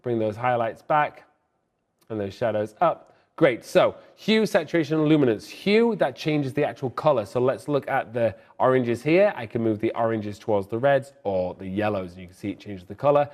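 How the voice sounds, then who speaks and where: Young male tutorial host, breathless and brisk, mid-pitched, upbeat and opinionated. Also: lively intonation, a little mellow. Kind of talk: fast screen-recorded software tutorial.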